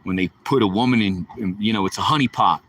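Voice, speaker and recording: A man's voice: on the low side, fast, fairly bright tone, slight background noise. Profane, rambling man heard from a distance. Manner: profane, rambling, streetwise slang. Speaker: livestreamer. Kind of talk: casual storytelling.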